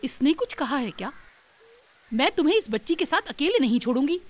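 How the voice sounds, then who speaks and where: तीखी, ऊँची आवाज़ वाली भाभी. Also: female voice, sits high, very animated, fairly quick. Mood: defiant. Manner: sarcastic, defiant. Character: protective, sharp-tongued sister-in-law. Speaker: sister-in-law. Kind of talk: television drama acting.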